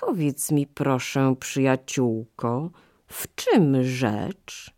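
A woman's voice: very deep voice, lively intonation, mellow, full character voice. A woman doing a sly grinning crocodile. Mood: puzzled. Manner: slow, drawn-out, smug.

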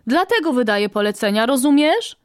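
A woman's voice: high-pitched, big pitch swings, fairly quick, clear, resonant tone, pitched above the performer's own voice. A woman voicing a bossy, boastful female quail who gives orders in a storybook reading. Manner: commanding, boastful.

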